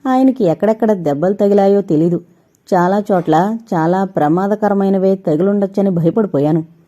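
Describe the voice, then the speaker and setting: A woman's voice: mid-range voice, normal speed, warm tone. A woman narrating a suspense audio novel in the first person, giving the characters' lines small voice shifts.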